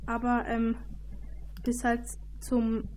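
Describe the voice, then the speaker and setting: A woman with a fairly high voice talks through the football table in a casual, hesitant way, pausing on filler sounds. Faint background noise runs beneath her. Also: monotone, a little mellow. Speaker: football podcast co-host. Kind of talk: casual chat.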